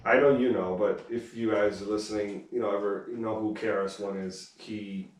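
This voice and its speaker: A man's voice: fairly low pitch, steady tone, normal speed, slight background noise. A man co-hosting a podcast in casual chat, rambling with lots of filler words and free swearing. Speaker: podcast co-host. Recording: roomy echo, distant from mic.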